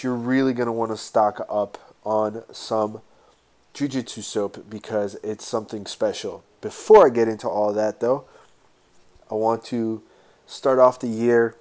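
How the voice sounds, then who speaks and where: Stuffed-up, mouth-breathing man, flat low voice. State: stuffed-up nose, getting over a sinus infection. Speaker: podcast host. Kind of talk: casual solo podcast talk with sponsor plugs.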